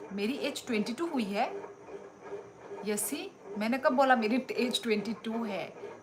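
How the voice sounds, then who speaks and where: Reading comments aloud during a casual live stream, a young woman from Tripura, India, talks slowly in a medium-pitched voice. She's warm and unhurried, addressing viewers by name, and the stream carries a steady hum of background noise.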